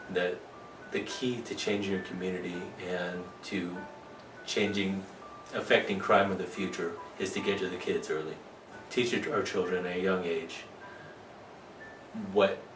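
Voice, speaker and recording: A man speaks earnestly and steadily for a documentary. His voice is very deep and flat. He sounds distant and roomy, with clear music playing behind him. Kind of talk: documentary interview. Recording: echoey, distant mic.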